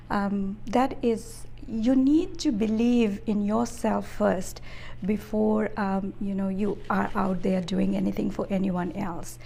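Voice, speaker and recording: Woman, 50s, from Fiji; gravelly, measured, hesitant interview answers. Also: mid-range voice, warm tone. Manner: measured, thoughtful, many hesitations. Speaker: interview guest, business executive.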